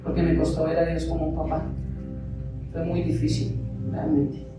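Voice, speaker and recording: A man's voice: a little high, completely flat delivery, normal speed. A male pastor preaching a sermon and telling his own testimony, asking the congregation rhetorical questions. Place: church sanctuary. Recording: echoey church hall, far mic, music behind. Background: music.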